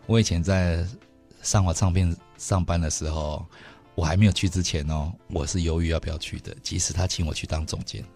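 A middle-aged man with a Taiwanese Mandarin accent talks quickly and eagerly on a radio show, his voice on the low side. He tells stories with energy, and soft music plays behind him. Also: vocal fry, husky. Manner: fast, animated storytelling with laughs. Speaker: radio host. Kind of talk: casual radio chat. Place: radio studio.

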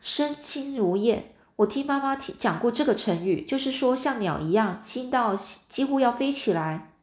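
A woman's voice: on the high side, normal speed, roomy sound, voice pushed up, lightly acted. A woman reading as a curious twelve-year-old girl. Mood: playful. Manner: lively, inquisitive, a little cheeky.

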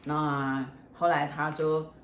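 An older woman fortune teller tells a story in a chatty, joking manner, full of fillers. Her voice sits low. The room is echoey, with a faint hiss behind her. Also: little pitch movement, takes it slowly. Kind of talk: casual storytelling. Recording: roomy room with faint noise.

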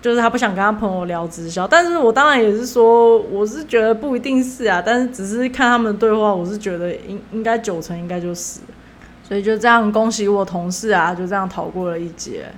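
A woman's voice: mid-range voice, a little fast, slight background noise. A woman podcast host with a Taiwanese Mandarin accent, telling a story in a chatty, laughing way and acting out the dialogue. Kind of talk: casual storytelling.

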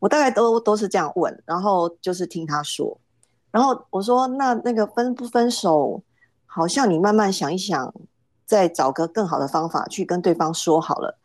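Middle-aged woman, low voice, dry close sound, hesitant guest telling a story. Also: lively intonation, moderate pace, a little mellow, no echo. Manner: hesitant, repeats words as she starts. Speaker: podcast guest. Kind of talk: casual storytelling.

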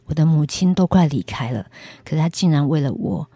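A woman with a slightly husky voice tells her faith testimony as a guest. She speaks earnestly, at a middle pitch, and acts out the quoted lines as she goes. The sound is dry and close. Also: expressive, fairly quick, warm tone, no echo. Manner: earnest storytelling with acted quotes. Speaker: evangelist guest.

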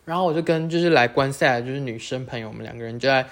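A high-school-aged speaker with a Taiwanese Mandarin accent, hosting a casual solo chat that rambles and keeps correcting itself. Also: very fast. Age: late teens. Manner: rambling, self-correcting, chatty. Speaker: podcast host.

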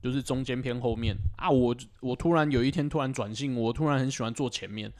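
Guy talking quick, easygoing chat, mid pitch. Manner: quick, relaxed storytelling. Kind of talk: casual chat.

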